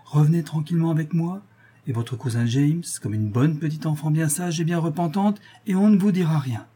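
A man's voice: a little high, a little fast, mellow, breathy edge, voice pushed up. A man reading the part of a stern, pompous old nobleman ordering his daughter home, coaxing and commanding by turns.

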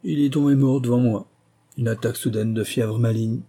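A man voicing a blunt, rough-spoken trader who swears and thunders, in an audiobook. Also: mid-range voice, steady tone, normal speed, mellow, close to an everyday voice. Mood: grim. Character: gruff blunt male colonial trader, swearing.

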